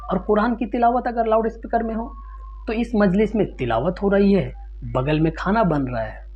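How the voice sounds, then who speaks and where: Over a loud hum in a dull, lo-fi recording, a male Islamic teacher with a high-sitting voice and moderate pace answers a question on a ruling. His informal lecture is didactic, quoting sources and simplifying his points by restating them.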